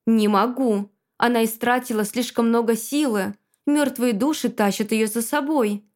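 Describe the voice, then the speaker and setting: A woman's voice: fairly high pitch, fairly even intonation, moderate pace, darkish tone, lightly acted. Female narrator doing a firm, harsh-spoken necromancer healer woman, grave. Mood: stern.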